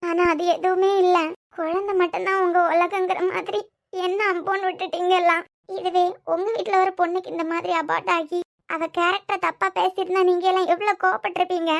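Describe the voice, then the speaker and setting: A woman's voice: very high voice, little pitch movement, a little fast, creaky. A woman voicing a hurt young wife in a cartoon serial, tearful and bitterly accusing her husband.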